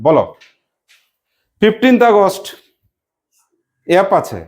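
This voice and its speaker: A teacher with a medium-pitched, darkish, very animated voice leads a classroom lesson. They quiz the pupils, repeating questions, and briskly praise the right answers.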